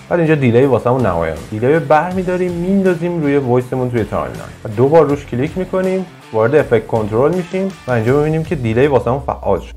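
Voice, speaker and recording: A man narrating a casual software tutorial, explaining step by step in an informal way. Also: mid-range voice. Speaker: video editing tutorial host.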